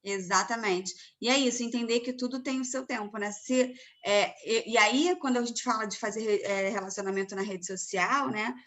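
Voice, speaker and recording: Woman, host, from Brazil, casual chat, filler-heavy, high voice. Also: normal speed, hardly any pauses, fairly bright tone. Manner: chatty, many fillers like "né".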